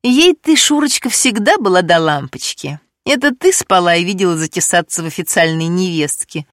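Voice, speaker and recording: A woman's voice: on the low side, animated, moderate pace, a bit bright, dry recording, studio quality. A woman doing a scornful middle-aged woman. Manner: mocking, scornful.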